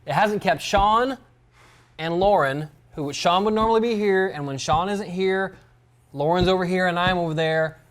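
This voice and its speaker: A man's voice: sits high, normal speed, fairly bright tone. A man hosting a casual comedic chat show in a toy shop, rambling and joking as he plugs things. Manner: rambling and jokey, plugging things. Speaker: show host.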